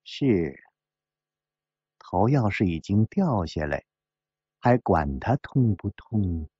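A storyteller putting on a cold companion with a clipped, menacing tone, pitched low and husky. The recording is dull and dry. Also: male voice, huge pitch swings, unhurried, a little mellow, no room sound, full character voice. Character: cold, sharp-tongued companion.

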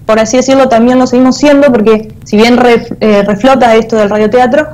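Joining a video call as an interview guest, this Argentine-accented theatre artist and teacher in her thirties replies in a conversational way. Her fairly high, darkish voice moves fairly quickly with fairly even intonation, picked up by an earphone mic.

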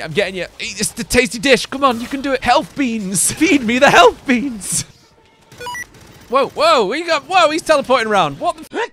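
A man streaming a co-op game with friends, joking loudly and laughing often. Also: sits high. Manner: jokey, loud outbursts, frequent laughing. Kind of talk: excited gaming banter.

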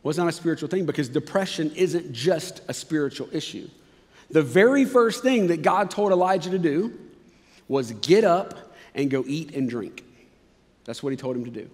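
A man preaching a sermon as pastor, telling the story with lively swings from loud excitement to hushed, low passages, with casual fillers. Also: normal speed, long reverb tail. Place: church auditorium.

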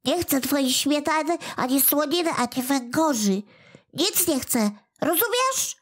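A woman voicing a small, furry male house spirit from a folk tale, greedy but plucky, with a squeaky, excitable voice. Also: unhurried. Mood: indignant.

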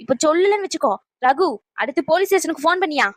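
A woman voicing a sharp-tongued older mother-in-law in a cartoon, who scolds rapidly and bossily. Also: very high voice, animated, no room sound, clean studio sound. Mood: scolding. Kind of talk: cartoon voice acting.

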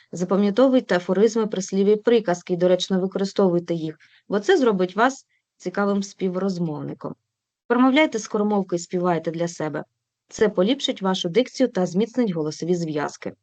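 Woman lecturer, online teacher training. Dry, close sound, mid-range voice. Reads word pairs in a measured, clearly enunciated way. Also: mid-range voice, darkish tone, dry recording. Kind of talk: instructional presentation, read from notes.

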